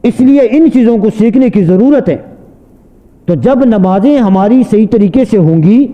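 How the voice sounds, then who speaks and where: A man's voice: sits high, animated, dark tone. A man, a mufti, preaching earnestly to an audience, asking repeated rhetorical questions. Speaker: mufti giving a talk. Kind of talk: sermon. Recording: dull lo-fi sound with long hall reverb.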